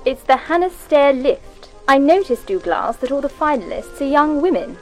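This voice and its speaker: Prim, sharp 1940s radio hostess. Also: female voice, sits high, big pitch swings, moderate pace, soft background music, poor audio. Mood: disapproving. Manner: crisp, disapproving.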